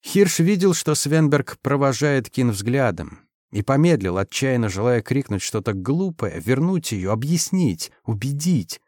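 A man narrating an audiobook in an even, measured reading. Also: mid-range voice, no echo, studio quality. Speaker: audiobook reader. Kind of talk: scripted narration.

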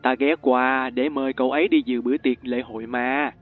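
A man voicing a calm, sugary yet threatening ghostly old woman teacher in an audiobook story. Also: medium pitch, a little fast, lightly acted. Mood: sweetly menacing. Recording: tinny lo-fi with faint music.

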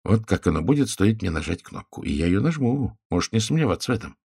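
A man's voice: fairly low pitch, very animated, fast talker, vocal fry, darkish tone, husky, dry recording, clean studio sound, exaggerated voice. Man as a grim, brooding Earthman. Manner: gloomy, muttering. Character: grim brooding Earthman visitor, sullen and resentful.

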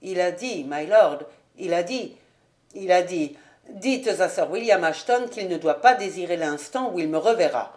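A man's voice: high-pitched, lively intonation, moderate pace. A woman reading an audiobook, voicing an embarrassed male woodsman who stammers and repeats himself. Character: awkward male woodsman servant.

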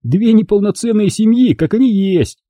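A man's voice: high voice, moderate pace, dark tone, no room sound, studio quality, pitched above the performer's own voice, lightly acted. A man doing a sneering teenage bully. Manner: mocking, theatrical taunting. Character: sneering teenage boy bully, loud and crude.

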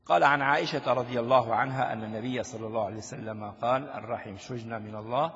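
An older man teaching a classical text as a sheikh, explaining slowly and quizzing his listeners with rhetorical questions. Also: mid-range voice, a bit bright. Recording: lo-fi recording with long reverb in a hall.

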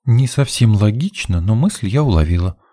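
An eager, curious young woman explorer in an audiobook, put on by a man reading it. Her voice jumps up high and excitable, yet keeps a soft, warm grain underneath. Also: normal speed, no echo, studio quality, natural voice. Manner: high-pitched, excitable girlish voice. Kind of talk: audiobook character voice.

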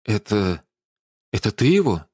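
A cowardly young man whines and stammers through his excuses, as a male narrator acts him out. His storybook voice moves animatedly in pitch. The recording is dry and close. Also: lively intonation, measured pace, dry recording. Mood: pleading. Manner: whining, stammering, pleading. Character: cowardly, lying young man, pleading and bleating.

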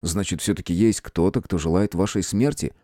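A man reading an audiobook, voicing a calm, formal gentleman detective with measured, courteous speech. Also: low voice, no echo, clean studio sound, close to an everyday voice. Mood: firm. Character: calm, firm gentleman detective of old times.

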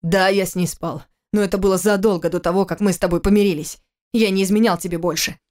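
Woman reading as an estranged husband, grown man, brooding, growling, resentful, lowered voice. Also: steady tone, fast talker, darkish tone, natural voice. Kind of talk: audiobook character reading.

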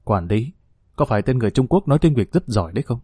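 A man's voice: mid-range voice, big pitch swings, fast talker, breathy edge, no echo, clean studio sound. A man doing an angry, determined father. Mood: probing. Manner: forceful, bitter.

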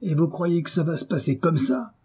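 Guy doing a loud cursing bully of a husband, dark husky voice cranked up high, storybook reading. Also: expressive, normal speed. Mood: furious. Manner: blustering, cursing, shouting. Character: brutish loud-tempered middle-aged male landowner. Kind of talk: audiobook character reading.

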